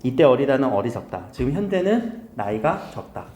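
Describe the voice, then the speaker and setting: Lively-voiced male grammar teacher, echoey room. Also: mid-range voice. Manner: casual, quizzing students with quick questions. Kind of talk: recorded lecture to high school students.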